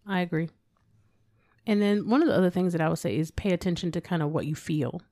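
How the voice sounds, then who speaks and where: Low mellow-voiced woman co-hosting a podcast. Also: fast, dry recording, studio quality. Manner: relaxed, conversational, laughs often. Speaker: podcast co-host, psychologist. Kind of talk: casual podcast discussion.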